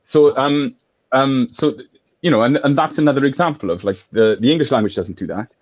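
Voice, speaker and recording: A man's voice: mid-range voice, a little fast, dry recording. A man from Wales in a political discussion, explaining at length in a lecturing way.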